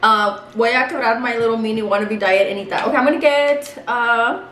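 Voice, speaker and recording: A woman's voice: on the high side, fairly quick, a bit bright, roomy sound, slight background noise. A young woman from El Paso chatting casually on her vlog over a meal, slipping Spanish words into her English. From El Paso, Texas. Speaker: beauty vlogger. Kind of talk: casual chat during a mukbang. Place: home room set up as a small studio.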